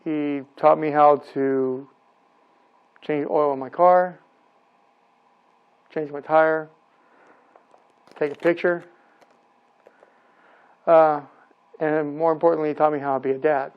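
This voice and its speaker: Man, personal testimony, plain and steady, somewhat high voice, muffled lo-fi audio. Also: slow, pauses often. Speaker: speaker remembering his late father. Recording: dull lo-fi sound.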